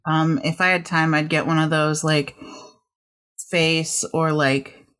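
A woman's voice: low-pitched, flat delivery, slow, fairly bright tone, smooth. A woman co-hosting a podcast in casual chat, joking and self-deprecating. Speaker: podcast co-host.

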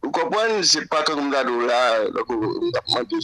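Dude on sports radio, really bright sharp voice, kinda hesitant, repeats himself while explaining. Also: male voice, medium pitch, very animated, normal speed, rough recording.

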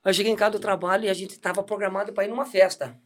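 A man's voice: high voice, level tone, racing, fairly bright tone. A middle-aged man, a deacon telling his life story in a casual, laughing way with many restarts. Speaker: deacon giving testimony. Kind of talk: casual testimony chat.

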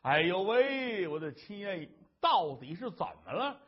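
A man's voice: sits high, sing-song, unhurried, lo-fi sound, heavily acted. A man voicing a worried husband who coaxes his wife to explain, in an earnest way. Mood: coaxing. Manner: coaxing, earnest. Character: worried doting husband, a scholar, boastful.

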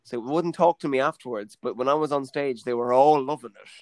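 Man telling animated stories. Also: mid-range voice, a little fast, no echo. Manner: animated, acts out quoted voices. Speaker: comedian and podcast host. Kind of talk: casual chat, storytelling.

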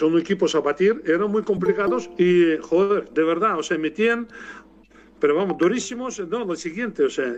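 High-voiced Spanish man telling old stories. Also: dull audio, a little hiss or hum. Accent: Spanish from Spain. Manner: animated storyteller, swears casually. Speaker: former basketball player guest. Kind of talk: casual chat.

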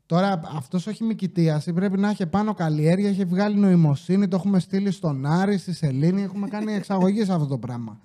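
A young man with a high, mellow voice tells stories from his job on a casual podcast. He talks in rapid, animated bursts, mimics customers, and curses in exasperation. His tone is relaxed and soft-edged, never sharp, while he barely stops for breath. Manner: exasperated, swears. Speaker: podcast host. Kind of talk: casual chat, telling workplace stories. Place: indoor podcast set.

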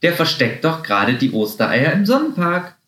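A man's voice: a little high, very animated, moderate pace, a bit bright, pitched above the performer's own voice. A man voicing a chatty little female bunny in a children's story. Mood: knowing. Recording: roomy echo.

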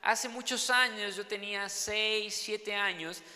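A man with a Mexican accent preaching a sermon as pastor, telling a personal story in an animated, dramatic way and often tagging his sentences with questions. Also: high voice, slow pace, long reverb tail. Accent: Mexican Spanish.

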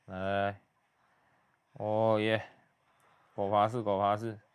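A young man giving hushed, muttered play-by-play commentary as he reacts to a video. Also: fairly low pitch, monotone, slow, clean tone.

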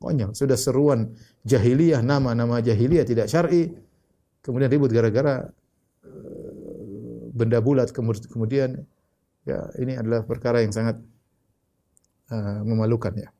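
A man's voice: medium pitch, moderate pace, pauses often. A man giving an Islamic religious lecture, telling a story, quoting Arabic and translating it, with frequent restarts. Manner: explanatory, restarts often, quotes Arabic then translates; rises sharply when voicing shouts in the story. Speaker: Islamic preacher.

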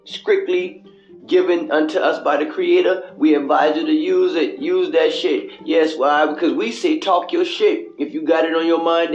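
A man's voice: on the high side, darkish tone, lo-fi sound. A man hosting his own radio show in a casual, motivational monologue, preachy and repetitive, with street slang and swearing, recorded on a cell phone headset in an echoing bathroom. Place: small indoor bathroom. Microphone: cell phone with headphones.

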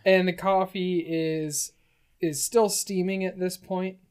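A man's voice: high-pitched, flat delivery, slow pace, clear, resonant tone. A man casually describing an imagined film scene, with many fillers. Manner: loose, filler-heavy narrating. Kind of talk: casual comedic story pitch.

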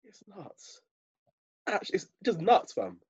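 Husky young London roadman, animated and slangy. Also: high voice, unhurried, no echo, dull audio. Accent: London roadman, urban British slang. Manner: heavy slang, matey. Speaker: podcast co-host. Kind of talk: casual podcast banter.

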